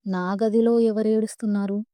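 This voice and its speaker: A woman's voice: medium pitch, steady tone, moderate pace, mellow, no room sound, lightly acted. A woman doing a frightened young man. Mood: anxious. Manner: anxious, nervously questioning. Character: frightened young man alone in a dark room.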